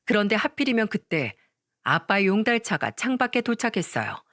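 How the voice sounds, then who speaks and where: A woman narrating a scripted first-person drama story in a plain, steady way. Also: mid-range voice, normal speed, no echo, clean studio sound.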